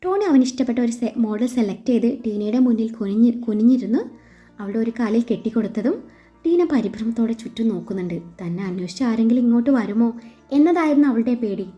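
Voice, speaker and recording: A woman storyteller reading a romance story aloud in a steady, gentle way. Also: fairly high pitch, fast talker. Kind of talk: story narration. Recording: slightly dull with faint music.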